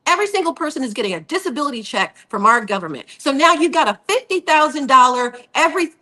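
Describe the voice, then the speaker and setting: A woman's voice: high-pitched, expressive, fast talker, pushed and bright. A woman co-hosting a casual political podcast, ranting bluntly with profanity.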